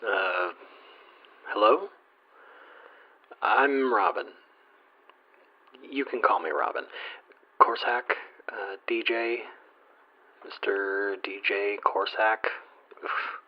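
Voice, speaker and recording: A man's voice: on the low side, extremely slow, long pauses. A man playing a nervous, lonely fire watcher calling a radio station in an audio drama, stammering, hesitant and self-deprecating. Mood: nervous, embarrassed. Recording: dull lo-fi radio call.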